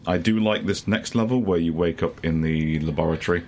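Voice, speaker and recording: Podcast co-host, man, very low voice, sweary and jokey. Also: brisk, slight background noise. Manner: swears freely, laughs often, acts out quotes. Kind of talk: casual chat.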